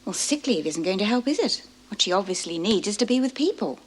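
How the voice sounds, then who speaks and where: An actress with an Australian accent playing a caring, measured woman prison governor in a television drama. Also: medium pitch, big pitch swings, breathy edge, low-quality recording. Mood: worried. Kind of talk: 1970s TV drama acting.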